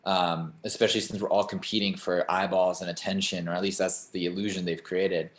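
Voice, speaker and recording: Speaking fairly quickly in a low, flat voice, a young singer-songwriter rambles casually as an interview guest, leaning on lots of "like" and "you know." The room has an echoey sound.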